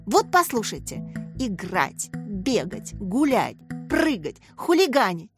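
A woman's voice: medium pitch, very animated, slow, faint music behind. A woman voicing a chatty, clever schoolboy who argues eagerly and exclaims often. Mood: lively.

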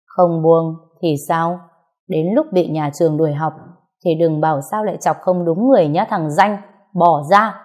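A woman voicing a calm, firm young husband who speaks with cool control in an audio story. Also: low voice, moderate pace. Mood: coolly threatening.

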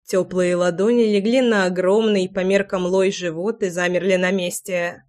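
A woman's voice: lowish voice, level tone, normal speed, a little mellow. Woman narrating a romance audiobook. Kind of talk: scripted narration of a romance novel.

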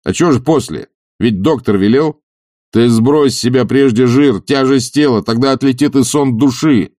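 Man playing a brisk, commanding friend. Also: medium pitch, dark tone, no echo, clean studio sound, lightly acted. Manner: brisk, decisive.

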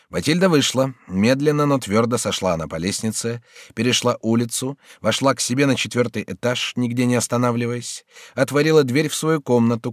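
A man narrating an audiobook in an expressive, theatrical reading. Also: mid-range voice, no room sound. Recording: dry studio sound.

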